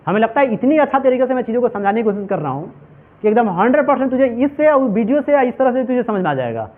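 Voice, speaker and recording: A male English teacher with an extremely high, very animated voice lectures a class at a quick pace. He questions his students in repetitive call-and-response fashion, calling them "my children". The audio is tinny, like a phone.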